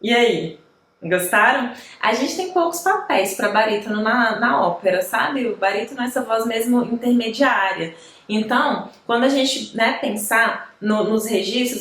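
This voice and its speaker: A woman's voice: fairly high pitch, roomy sound. A woman music teacher with a Brazilian Portuguese accent, explaining voice types in a chatty online lesson and often checking in with her listeners. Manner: chatty, explanatory, frequent tag questions.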